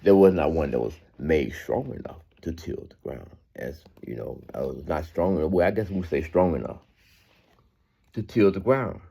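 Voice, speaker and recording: His voice is extremely low, creaky, dark, and husky, yet expressive, delivered at a moderate pace. He reads Bible passages with informal sermon commentary, emphatically repeating phrases and turning to conversational asides that seek agreement.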